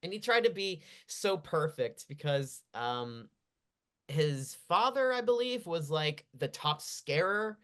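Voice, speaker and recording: A woman in her thirties with a lowish voice hosting a podcast in a studio. Her pitch moves in a lively way. She speaks in a laid-back manner and trails off softly. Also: slow pace. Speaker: podcast host. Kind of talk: casual chat.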